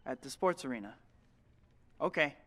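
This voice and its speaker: A man's voice: mid-range voice, expressive, normal speed, very noisy, close to an everyday voice. A man playing an earnest, wry young superhero in a video game, boyish and conversational. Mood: flustered. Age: young adult. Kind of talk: video game cutscene acting.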